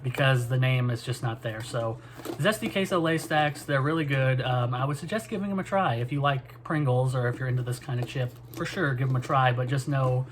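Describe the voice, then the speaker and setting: A man's voice: medium pitch, a little fast. Man, casual review chat, noisy background. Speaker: snack reviewer.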